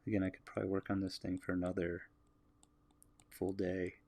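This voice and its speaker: An American man livestreaming as he draws, musing aloud in a relaxed way and chatting with his viewers. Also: sits low, fairly quick. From United States. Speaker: artist livestreaming a drawing. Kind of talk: casual livestream commentary while drawing.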